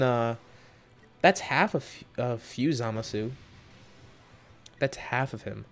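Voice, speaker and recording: An excitable young man narrates his game summons in a casual, chatty way. His pitch sits in the middle of the male range, and he mutters quietly between pulls before breaking into high excited yelps. Faint music plays underneath. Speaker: gaming video host. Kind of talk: casual gacha summon reaction.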